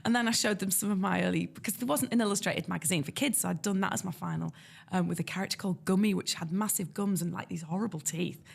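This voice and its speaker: A woman from North East England, speaking with that region's accent, talks fast in a lowish, gravelly voice with a breathy edge. As a guest illustrator in a casual interview, she spins lively stories and mimics the voices of people she quotes.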